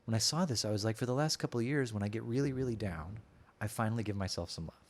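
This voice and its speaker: A man's voice: lowish voice, quick pace, a little hiss or hum. A man as a podcast guest in casual conversation, talking openly and reflectively with many filler words.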